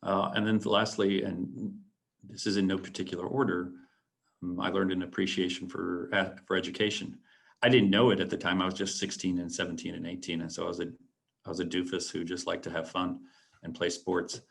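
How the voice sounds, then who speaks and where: A man in his late forties speaks to a school audience about his path and what he learned. His voice sits low. He talks earnestly but haltingly, filling pauses with ums and restarting sentences. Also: flat delivery, creaky, fairly bright tone. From San Antonio, Texas. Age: late 40s. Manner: earnest, reflective. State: a little choked up. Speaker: alumnus guest speaker. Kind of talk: presentation to students.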